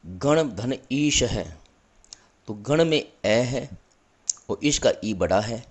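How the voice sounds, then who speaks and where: A male teacher giving a slow, patient classroom grammar lesson, repeating and spelling out each example. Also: medium pitch, expressive, slightly rough. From India. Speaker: school teacher.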